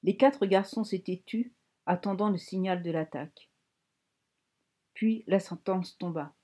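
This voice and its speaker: A woman reading a novel aloud in measured, vivid scripted narration. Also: mid-range voice, dark tone. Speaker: audiobook narrator.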